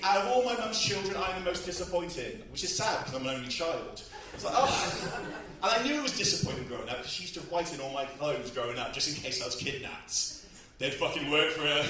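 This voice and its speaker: A man doing a crude, self-mocking stand-up comedy set, out of breath and often bursting into shouts. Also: on the high side, background noise. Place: comedy club stage. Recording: echoey club, far from mic, loud crowd. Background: audience laughter.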